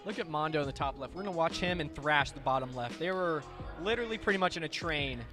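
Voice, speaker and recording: A man's voice: on the high side, lively intonation, quick pace. A man commentating a live drone race in upbeat, chatty banter. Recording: music playing behind.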